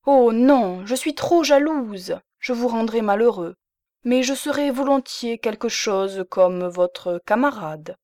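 A woman's voice: on the high side, expressive, takes it slowly, mellow, no room sound, studio quality. A woman voicing a poor, proud and jealous spinster who speaks firmly and possessively. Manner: firm, bargaining, possessive.

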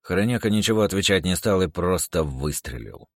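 A man narrating an audiobook chapter in an animated storytelling manner. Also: low-pitched, moderate pace, dry recording, clean studio sound. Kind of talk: scripted narration.

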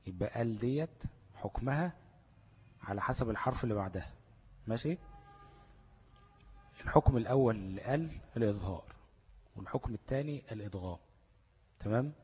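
A man's voice: lowish voice, lively intonation, brisk, long pauses, a little mellow, slightly rough, in a large hall. A man with an Egyptian Arabic accent teaching a tajweed lesson. He explains step by step and keeps asking check questions. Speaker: Quran recitation teacher.

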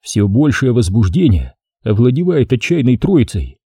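Man, audiobook narrator, husky, dry close sound, lively delivery. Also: medium pitch, normal speed, no echo. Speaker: audiobook reader.

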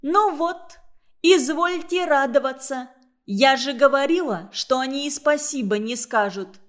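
A woman voicing a fussy, self-righteous young girl in a shrill, whiny, insistent voice. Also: moderate pace, a bit bright. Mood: shrill indignant.

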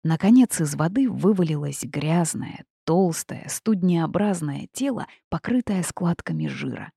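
Low, gravelly woman reading a story. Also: lively intonation, measured pace, dark tone, no echo, clean studio sound. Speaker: audiobook narrator. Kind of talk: scripted first-person audiobook narration.

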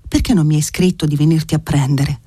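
A man's voice: a little high, fairly even intonation, a little fast, warm tone, slightly rough, dry recording. A man reading an audiobook voices an awkward, kindly older guardian who fusses gallantly with dry humour. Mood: fussing.

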